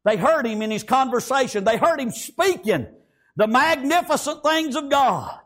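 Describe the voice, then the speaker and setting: A man preaches a sermon at normal speed in a very high, sing-song voice that swings widely in pitch. He shouts in rhythmic bursts, adding "praise God" and "amen" to nearly every phrase.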